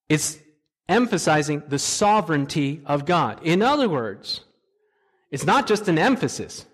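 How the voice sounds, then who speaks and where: Male preacher, slightly high voice, emphatic lecture-style sermon with frequent rhetorical questions. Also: breathy edge.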